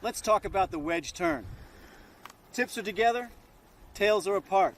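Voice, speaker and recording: A male ski instructor with a high-pitched voice gives a lesson out on the slope. He coaches in short, encouraging, informal instructions. Steady outdoor noise runs behind him. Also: unhurried.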